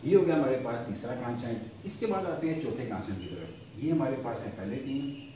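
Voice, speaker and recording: Man teaching in an echoey room, slow and drawn out. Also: medium pitch, lively intonation, mellow. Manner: slow, drawn-out repetition of example words; asks questions and then answers them. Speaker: language teacher. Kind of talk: explaining the alphabet. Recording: echoey, from far off, faint noise.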